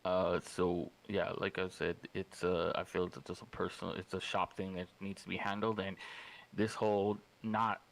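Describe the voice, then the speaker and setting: A man's voice: low-pitched, little pitch movement, moderate pace, vocal fry, low-quality recording. A man speaking in character at a roleplay gang meeting, rambling and repeating himself.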